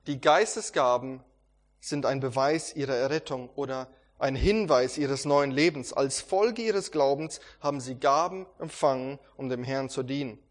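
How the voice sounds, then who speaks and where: A man teaching a Bible sermon, earnest and emphatic, repeating phrases and sometimes restarting a word. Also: mid-range voice. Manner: occasional restarts and stumbles. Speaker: preacher.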